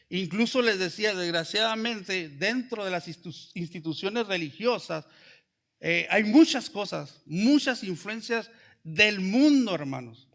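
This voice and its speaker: A man's voice: high voice, gravelly, fairly bright tone. A man preaching a sermon in a conversational way, asking many rhetorical questions and addressing the congregation as brothers. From Mexico. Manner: often addresses listeners as brothers.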